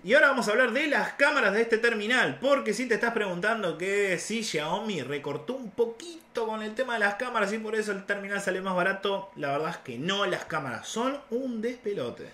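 A man's voice: high-pitched, animated, fairly quick, few pauses, pushed and bright, roomy sound, a little hiss or hum. A man with a Rioplatense Spanish accent, co-hosting a casual phone review and agreeing often with his partner. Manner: agreeable, keeps saying "sí, sí, sí". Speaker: tech reviewer co-host. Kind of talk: casual tech review chat.

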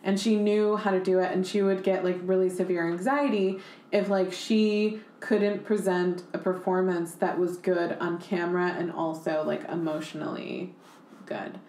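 A young woman podcast host chatting casually, animated and swearing freely, with "like" in nearly every sentence. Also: lowish voice, moderate pace. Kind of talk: casual chat. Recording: roomy echo.

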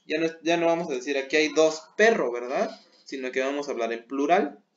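A man's voice: mid-range voice, a bit bright, dull audio, a little hiss or hum. A man teaching English words in an online class, patiently checking understanding as he goes. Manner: patient, keeps checking with "¿sale?".

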